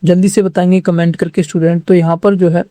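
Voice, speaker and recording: A man teaching an online exam-prep class in a drilling, repetitive way, pressing viewers to answer fast. His voice is dark and mellow yet sits a little high. The sound is close and dry. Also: flat delivery, no echo. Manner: repeats each question and answer as a drill, urging viewers to respond quickly.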